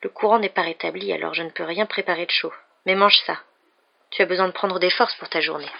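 A woman's voice: lowish voice, steady tone, fairly quick, creaky, breathy edge, muffled recording. A woman reading as a kind old grandmother. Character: elderly grandmother, kind and practical.

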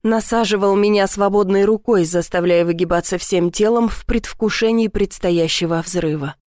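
A woman narrating a first-person romance audiobook in a soft, measured reading. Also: mid-range voice, no room sound, clean studio sound.

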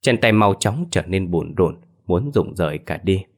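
Low, lively male ghost-story narrator. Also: moderate pace. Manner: expressive storytelling. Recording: faint background music.

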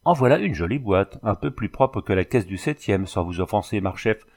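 A man's voice: lowish voice, animated, normal speed, darkish tone. A man reading the lines of a blunt former soldier who jokes with mock deference. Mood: jocular. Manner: jocular, deferential.

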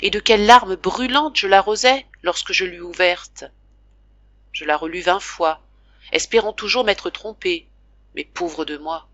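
A woman narrates a classic novel for an audiobook, reading slowly with emotional, dramatic weight. Her voice is bright and ringing, and it is recorded close and dry with no room sound. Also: medium pitch, no room sound, highs cut off. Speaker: audiobook reader.

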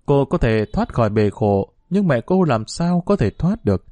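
A male storyteller reading a short story in a lively, expressive way. His pitch moves a lot from phrase to phrase at a middle height, and the sound is dry and close with no room echo. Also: moderate pace. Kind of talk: scripted narration of a short story.

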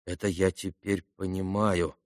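A man voicing a gentle, quiet, earnest young man in an audiobook, speaking softly and calmly. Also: fairly low pitch, normal speed, no room sound, studio quality, close to an everyday voice. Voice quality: soft, calm.

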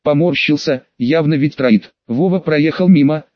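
A man narrates an audiobook in a steady, even delivery with a slightly raised pitch. The recording is dry and a little muffled, with a lo-fi character. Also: moderate pace, dry recording.

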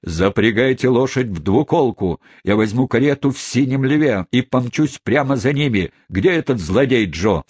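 A stout old country squire in an audiobook, roaring and commanding, his voice pushed well above the reader's own, as a man acts him out. It comes across husky and bone-dry. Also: medium pitch, lively intonation, moderate pace, darkish tone, no room sound, voice pushed up. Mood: raging. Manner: bellowing, commanding.

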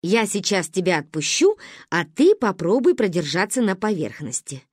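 A woman's voice: medium pitch, big pitch swings, moderate pace, breathy edge, no room sound, studio quality. Curt, hot-tempered dad in a storybook, voiced by a woman, barking orders. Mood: bossy. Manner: brusque, commanding. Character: impatient, bossy father teaching swimming.

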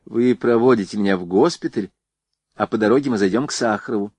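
A man's voice: on the low side, quick pace, darkish tone, slightly rough, no room sound. A man reading an audiobook, voicing a spirited, headstrong young woman who orders people about and teases them. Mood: headstrong, bossy. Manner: bossy and teasing.

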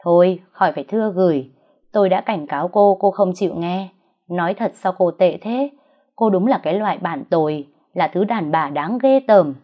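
A woman's voice: fairly low pitch, moderate pace, close to an everyday voice. A woman voicing a stern, scornful older mother-in-law who scolds coldly. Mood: scolding. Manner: cold, scolding, contemptuous. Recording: dull lo-fi recording.

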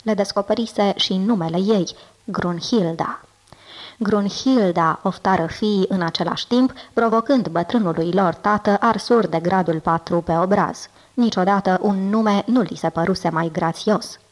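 A woman reading a literary tale aloud in a deliberate, expressive manner, slowing words for emphasis. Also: mid-range voice. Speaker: audiobook reader. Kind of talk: scripted literary narration.

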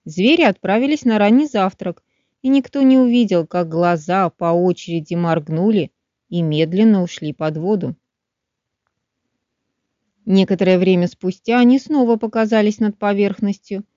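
A woman narrating a children's audiobook in an expressive storytelling manner. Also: medium pitch, normal speed, dry recording. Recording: dull, dry studio sound.

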